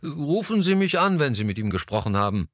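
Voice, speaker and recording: A man's voice: medium pitch, big pitch swings, brisk, no room sound, pitched above the performer's own voice. A proud, silver-haired art dealer who grumbles and speaks with mild condescension, read by a male narrator. His voice rises and falls widely over a dry, close recording. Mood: testy. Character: vain silver-haired male gallery owner, gruff. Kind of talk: audiobook dialogue.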